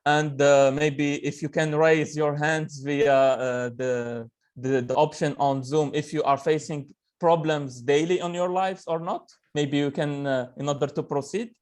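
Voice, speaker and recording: A man's voice: on the high side, steady tone, a little slow. Earnest young man from Algeria. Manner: earnest, many fillers and restarts. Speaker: webinar speaker. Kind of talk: motivational talk on a video call.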